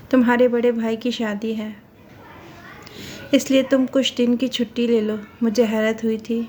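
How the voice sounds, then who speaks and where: A woman narrating a dramatic first-person story in a steady, scripted storytelling manner. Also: fairly high pitch, slight background noise.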